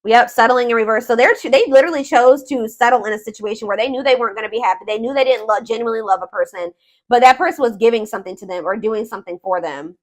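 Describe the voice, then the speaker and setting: A woman with a slightly high voice reads tarot fast for her viewers, hosting in a casual, conversational way. She thinks aloud and searches for words as she goes, punctuating the reading with emphatic points.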